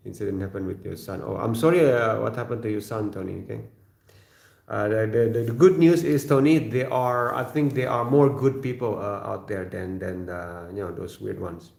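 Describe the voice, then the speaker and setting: In an echoey room, a man with an Indonesian accent hosts a relaxed livestream, stumbling through viewer comments with fillers, repeated words and plenty of throat clearing. English isn't his first language, and his voice is on the low side with a darkish tone.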